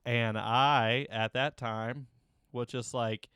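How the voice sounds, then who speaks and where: A man co-hosting a casual podcast, telling stories in an animated, profane way and imitating other people's voices. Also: mid-range voice, takes it slowly, smooth, no echo, studio quality. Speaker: podcast co-host.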